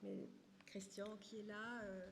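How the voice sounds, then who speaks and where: A woman's voice: medium pitch, fairly even intonation, takes it slowly, vocal fry. A woman giving an informal spoken introduction to an audience at a screening. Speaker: film producer introducing a screening. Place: screening hall. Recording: echoey hall, faint noise.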